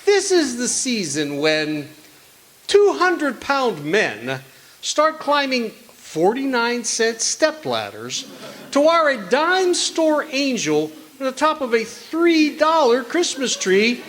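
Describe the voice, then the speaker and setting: A man's voice: very high voice, sing-song, a bit bright, heavily acted. A man plays a pompous small-town doctor in a radio comedy. He takes his time, swooping grandly through dry, sarcastic lines. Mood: droll, mocking. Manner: pompous, droll, measured mock grandeur.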